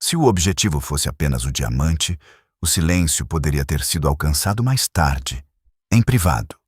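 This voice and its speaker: A man voicing a shrewd elderly male detective who speaks in a measured, gently probing way, in an audiobook reading. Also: a bass voice, lively intonation, husky, dry recording, studio quality, exaggerated voice. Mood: reasoning.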